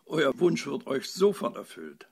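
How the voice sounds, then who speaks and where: A man's voice: mid-range voice, sing-song, measured pace, creaky, husky, full character voice. A man voicing a cheerful young fairy who grows desperate as her wishes are refused, in a storybook reading. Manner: eager, increasingly desperate pleading. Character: flustered young female good fairy.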